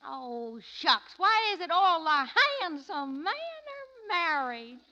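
Very high-voiced Daisy June, country gal. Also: female voice, big pitch swings, slow pace, bright, forceful tone, highs cut off, heavily acted. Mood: flirty, coy. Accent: American. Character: flirty, folksy country gal at filling station. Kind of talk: 1940s radio comedy acting. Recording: noisy old radio comedy recording.

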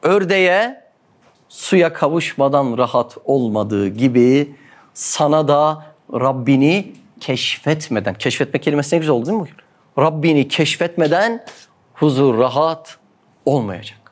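A man giving a religious lesson, asking rhetorical questions and answering them himself, repeating key words over and over. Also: medium pitch. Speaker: religious speaker.

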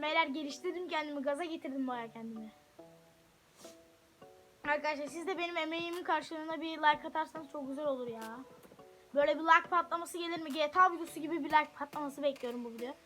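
A woman casually commentating her soccer video game at home, chatting to viewers and shouting at her players when the action heats up. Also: high-pitched, fast talker, soft background music. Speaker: gaming channel host. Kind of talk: live gameplay commentary. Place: room at home.

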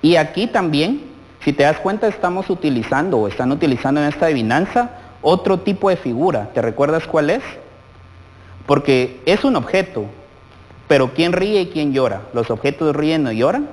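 Man, children's TV teacher, keeps asking the viewer questions; animated delivery with a long room echo. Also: a little high, moderate pace. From Guatemala. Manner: asks many questions directly of the child viewer. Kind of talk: televised lesson for children.

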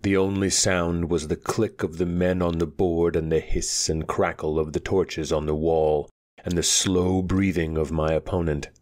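A man reading a fantasy story aloud in a steady, measured narration. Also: sits low. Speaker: audiobook reader.

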